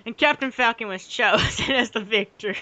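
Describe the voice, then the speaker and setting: A young man reading a story aloud casually for comedy, giggly and excitable, often breaking off to riff on it. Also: extremely high pitch, normal speed. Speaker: co-reader of a dramatic fan fiction reading. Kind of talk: casual comic read-aloud with ad-libbed commentary.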